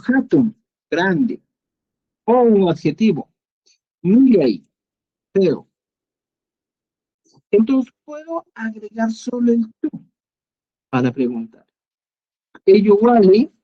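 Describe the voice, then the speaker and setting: Peruvian guy teaching a language lesson real slow, voice goes up and down a lot, kinda dull lo-fi sound. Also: high-pitched. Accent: Peruvian Spanish. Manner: patient, repeats words and asks "¿ya?". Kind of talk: screen-recorded language lesson.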